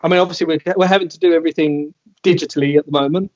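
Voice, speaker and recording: A man's voice: on the high side, steady tone, very fast, a little mellow, muffled recording. A man, a band member chatting in an interview, with lots of "like" fillers. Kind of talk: casual video call interview.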